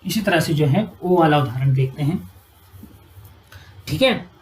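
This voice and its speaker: A woman teaching a Hindi grammar lesson at a whiteboard. She often checks "ठीक है", asks the class questions and answers them herself, and spells out sounds slowly. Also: sits low, expressive, a little mellow, poor audio.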